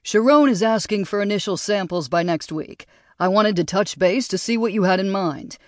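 A woman's voice: medium pitch, normal speed, no room sound, clean studio sound, pitched above the performer's own voice, natural voice. A woman voicing a condescending young male perfumer who needles his colleague. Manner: needling, patronizing.

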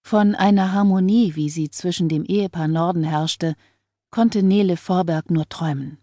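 Mellow, low-voiced woman narrating a novel. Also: normal speed, dry recording, clean studio sound. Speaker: audiobook narrator. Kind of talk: scripted narration.

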